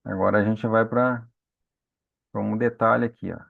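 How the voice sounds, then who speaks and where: A man's voice: on the low side, steady tone, moderate pace, vocal fry, dry recording. A man teaching a patient grammar lesson, checking in with his students again and again. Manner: patient, frequent "né?" and "tá?" check-ins. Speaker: Portuguese teacher. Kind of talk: explanatory lesson. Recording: dry, phone-like lo-fi sound.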